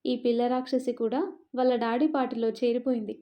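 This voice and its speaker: A woman narrator voicing an exasperated young mother who is sharp-tongued with her sister. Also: a little high, level tone, fairly quick, natural voice.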